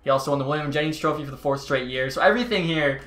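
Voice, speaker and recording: Guy doing chill gaming commentary, sharp bright voice, gets worked up a lot, echoey room. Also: fairly high pitch, racing. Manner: chatty, exasperated outbursts. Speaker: gaming YouTuber. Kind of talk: casual gameplay commentary. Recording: roomy echo.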